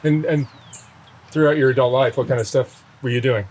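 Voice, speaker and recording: A man's voice: mid-range voice, steady tone, a little fast, darkish tone. A man asking questions in a conversational documentary interview style. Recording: clear outdoor ambient noise.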